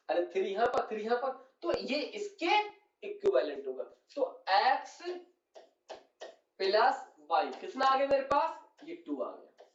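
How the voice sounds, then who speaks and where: A male chemistry teacher giving a classroom lecture, calling his students "beta" and checking often that they follow. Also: very high-pitched. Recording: roomy, distant, dull lo-fi sound.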